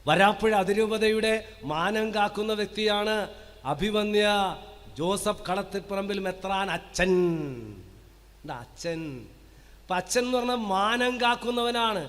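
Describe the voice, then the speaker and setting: A priest preaches in a high, carrying voice that rings through a church hall's long reverb. He fires rhetorical questions at the congregation and draws out key words slowly so they will repeat them. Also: fairly even intonation, a bit bright. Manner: rhetorical questions with call-and-response; slow emphatic listing of words. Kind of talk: parish sermon to a live congregation.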